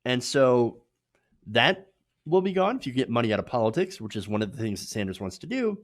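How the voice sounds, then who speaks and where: A man's voice: mid-range voice, sing-song, brisk. An American man hosting opinionated political commentary, emphatic, repeating his points in short punchy phrases and often tagging them with "right?". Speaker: host of an online political commentary show.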